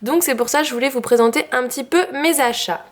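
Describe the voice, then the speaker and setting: A woman's voice: sits high, quick pace, a little hiss or hum. A woman with a French accent showing her craft purchases in a casual, chatty way with many fillers. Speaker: craft vlogger. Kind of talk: casual haul video.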